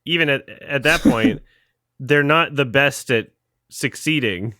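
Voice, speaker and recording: A man co-hosting a podcast, talking about movies in an animated, wry way, with frequent laughs and swearing. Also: medium pitch, unhurried, no room sound, clean studio sound. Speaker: podcast co-host. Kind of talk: casual film review chat.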